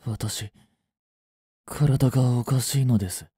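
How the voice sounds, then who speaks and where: In a Japanese romantic audio drama, a man voices a polite, devoted android servant overcome by feverish love, speaking formally in breathy, halting phrases. His mid-range voice has a warm tone and a dazed, polite mood. The recording is dry and cleanly studio-made.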